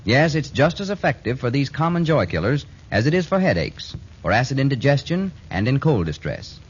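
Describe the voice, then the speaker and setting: A man's voice: medium pitch, very animated, fairly quick, husky. A man reading a folksy sponsor announcement, heard as an old AM radio broadcast from the 1940s. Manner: folksy, persuasive. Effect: old AM radio broadcast sound. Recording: muffled 1940s radio recording.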